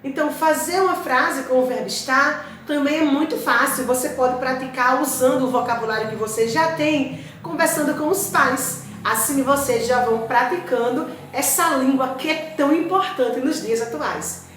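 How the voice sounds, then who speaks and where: High-voiced teacher in an echoey room. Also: female voice, a bit bright, a little hiss or hum. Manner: slow, clear drilling of words. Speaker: Spanish teacher. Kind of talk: recorded class lesson for kids.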